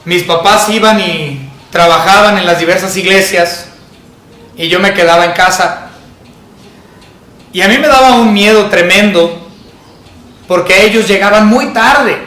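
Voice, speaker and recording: High-voiced pastor preaching in an echoey church. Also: male voice, a little slow, long pauses, bright, forceful tone. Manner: storytelling, acts out his childhood fear in a higher voice. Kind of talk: sermon. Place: church sanctuary.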